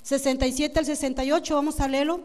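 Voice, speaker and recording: A woman's voice: high voice, fairly even intonation, fast, a little mellow. Fervent woman pastor preaching, ringing hall. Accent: northern Mexican Spanish. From Mexico. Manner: fervent, repetitive, addresses the congregation as brothers. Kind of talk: emotional Good Friday sermon. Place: church sanctuary. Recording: long church hall reverb.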